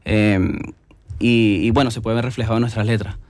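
A man's voice: on the low side, fairly even intonation, normal speed, no echo. Young man, venezuelan spanish accent, earnest guest, repeats words, dry close sound. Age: young adult. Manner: warm, earnest, fills with "este" and repeats words. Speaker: musician and guest. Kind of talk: casual interview chat.

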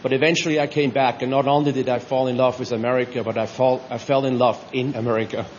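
A man's voice: mid-range voice, flat delivery, a little hiss or hum. Middle-aged man from Switzerland, reflective ceremony speech, long reverb, dull sound. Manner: reflective, halting with pauses. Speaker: new citizen giving a speech. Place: large tent at an outdoor ceremony. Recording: reverberant dull audio with faint ambience.

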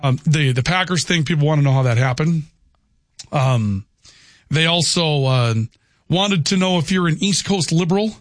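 A man's voice: on the high side, normal speed, no room sound, studio quality. A man hosting a call-in radio talk show, teasing and wry in casual banter.

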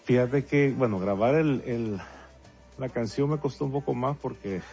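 A man's voice: medium pitch, normal speed, dark tone. A man from El Salvador, talking as a guest songwriter in a casual interview, hesitant with many fillers and restarts. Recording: dull lo-fi with faint music.

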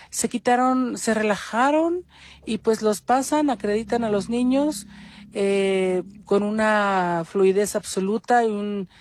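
A woman's voice: mid-range voice, darkish tone, no room sound. A woman from Mexico City with a Mexico City Spanish accent, leaving a recorded voice message for a radio show as a caller, earnest and fluent. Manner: earnest, fluent, lists things in long runs. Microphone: phone voice note.

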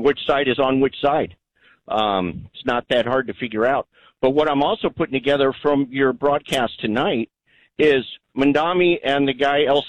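A man's voice: mid-range voice, no echo, highs cut off. A man calling in to a radio show, rambling and asking questions. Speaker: caller. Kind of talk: phone-in call.

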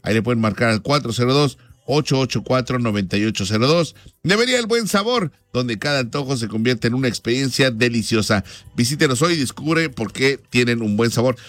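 A man's voice: medium pitch, expressive, a little fast, a bit bright. A man hosting a radio show, joking with callers and reading sponsor ads in a casual, slangy way. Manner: joking, chatty, slangy Mexican Spanish. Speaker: radio host. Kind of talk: casual radio chat and live ad reads.

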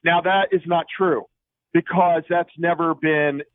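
A man's voice: on the high side, steady tone, a little slow. A man calling in to a talk show over a phone line, rambling with many fillers and restarts. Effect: phone line into a call-in show. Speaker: caller. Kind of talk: call-in radio chat. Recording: tinny phone line, dry.

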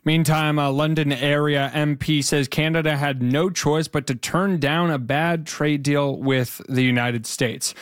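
A man reading a scripted regional radio newscast in a measured, formal way. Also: on the high side, fairly even intonation, clean tone, dry recording, studio quality. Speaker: newsreader. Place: radio studio. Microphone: studio microphone.

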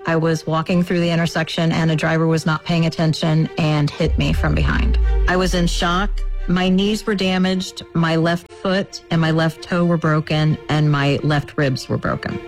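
A woman's voice: deep voice, steady tone, normal speed, soft background music. A woman giving a sincere testimonial in a radio commercial. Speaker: testimonial speaker.

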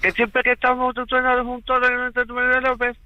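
A man's voice: extremely high pitch, monotone, brisk, no room sound, lo-fi sound, pitched above the performer's own voice. A man calling in to a radio show who sings in a half-robot voice that drifts into flamenco. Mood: mechanical, crooning. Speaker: radio caller.

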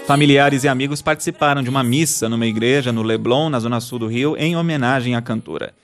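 A man's voice: mid-range voice, quick pace, faint music behind. A man hosting a news podcast, reading stories and listener messages in a scripted style. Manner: reads listener messages aloud.

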